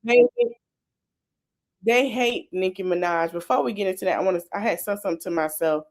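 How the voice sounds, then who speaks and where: A podcast host with a lowish voice chats casually and animatedly in a commentary-style conversation, speaking fairly quickly. She laughs and acts out quotes as she goes.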